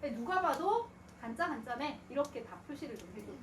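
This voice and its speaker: A woman's voice: sits high, big pitch swings, fast talker, slight background noise. A woman teaching a grammar lesson, asking questions and answering them herself, sometimes putting on a student's voice. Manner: asks and answers her own questions, voicing students. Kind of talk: lecture. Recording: echoey room, mic at a distance.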